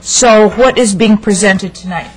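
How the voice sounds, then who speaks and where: A woman's voice: mid-range voice, a little slow, slight background noise, low-quality recording. A woman commissioner asking for clarification during a city meeting. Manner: questioning, seeking clarification. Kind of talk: public meeting discussion.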